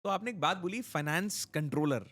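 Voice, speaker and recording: A male podcast host with a high voice asks quick questions during an interview. He talks fast, throwing in brief, enthusiastic reactions between the guest's explanations. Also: animated, a bit bright.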